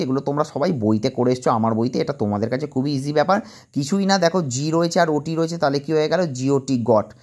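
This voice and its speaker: Guy teacher going over an exam paper w little kids, slightly high voice, a bit husky, spells stuff out slow. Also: darkish tone. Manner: patient, spells words letter by letter and translates them. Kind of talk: explaining an exam paper to young children.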